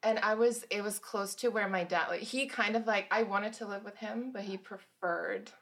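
A woman's voice: mid-range voice, normal speed, fairly bright tone. A woman in her thirties from Germany, a guest author casually telling stories about her life and laughing between anecdotes. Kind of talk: casual storytelling.

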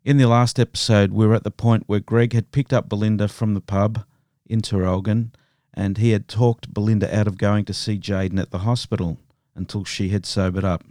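A man hosting a podcast, narrating a true crime story in a steady, measured way. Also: lowish voice, dry recording, clean studio sound. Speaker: podcast host.

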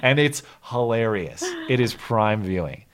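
A man's voice: lowish voice, lively intonation, a little slow. A man co-hosting a casual talk show, chatting in a joking, slangy, informal way. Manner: joking, laid-back slangy talk with "dude" and "like". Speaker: co-host. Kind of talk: casual chat.

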